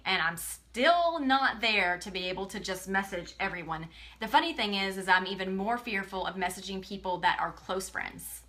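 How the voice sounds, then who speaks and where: A woman speaks straight to her followers in a live phone video, earnest and emotional, often near tears. Her voice is bright and forceful, in a middle range for a woman. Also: mid-range voice. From Texas. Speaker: direct sales presenter. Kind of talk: tearful motivational live video.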